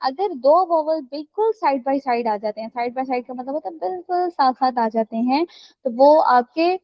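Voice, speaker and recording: High-voiced woman teaching on a call. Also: lively intonation, moderate pace, no room sound, lo-fi sound. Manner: explains step by step, checks understanding with "right?" and "theek hai". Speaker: English teacher. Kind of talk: online class teaching.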